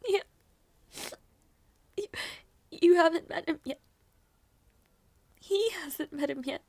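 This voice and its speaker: A woman playing a grieving young princess in a dramatic audio roleplay, halting and emotionally intense, repeating her words. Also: extremely high pitch, darkish tone, dry recording, heavily acted. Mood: tearful, defiant. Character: grieving young princess, desperate, stubborn, loyal.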